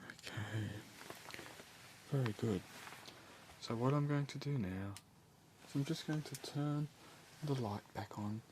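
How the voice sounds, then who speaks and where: A man doing an ASMR role-play as a scalp examiner, speaking softly, soothingly and reassuringly with unhurried instructions. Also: mid-range voice, background noise. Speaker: ASMR performer playing a scalp-check examiner.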